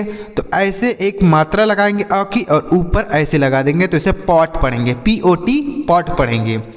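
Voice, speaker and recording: Man, English teacher, patient and repetitive, asks then answers, slightly high voice, reverberant room. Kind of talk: Hindi-language phonics lesson.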